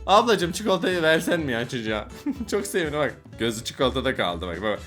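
A man's voice: a little high, big pitch swings, fast, fairly bright tone, soft background music. A man giving casual, playful reaction commentary on funny kid videos, often laughing and teasing the children he watches.

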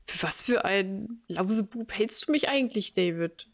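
A woman's voice: medium pitch, expressive, moderate pace. A woman voicing a grumpy, indignant middle-aged man in a game's dialogue.

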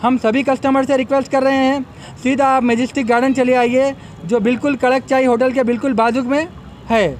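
His pitch is extremely high, his tone level and his pace fairly quick, with slight background noise. He's a young event organizer at an outdoor expo, giving a promotional statement into press microphones set on a table and urging customers again and again to come.

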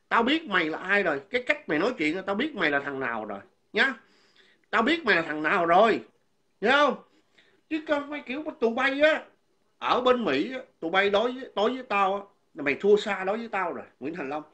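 A man rants straight to his audience in a high, piercing voice. He is coarse and insulting, circles back to the same phrases and trips over his words. His tone is bright and tense. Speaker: vlogger. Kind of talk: angry ranting monologue. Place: living abroad.

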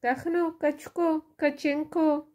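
A woman voicing an excitable little boy bunny who talks eagerly and exclaims a lot, reading a children's storybook. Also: sits high, pitched above the performer's own voice, close to an everyday voice.

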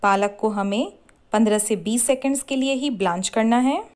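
A woman hosting a cooking channel, giving clear step-by-step recipe instructions in a scripted voice-over. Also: fairly high pitch, moderate pace, a little mellow. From India.

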